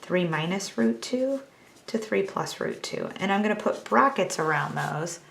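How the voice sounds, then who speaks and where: A woman's voice: medium pitch, expressive, unhurried, gravelly, a bit bright. A woman teaching a math lesson, talking through each step on a calculator in a chatty, self-teasing way.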